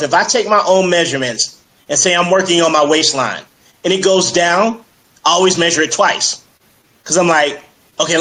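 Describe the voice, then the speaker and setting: A male fitness coach speaks as a guest in a casual interview. His voice sits a little high, and he talks with persuasive energy, filling pauses with "you know" and "um". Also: fairly bright tone, poor audio. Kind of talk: casual interview on a live stream.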